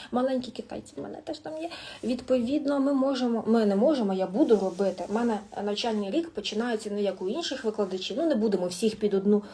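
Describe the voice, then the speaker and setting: A woman teacher chatting through a live-stream lesson, her voice sitting a little high but mellow and soft in tone. She talks lively and warmly to her viewers, thinking aloud between points. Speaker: language teacher.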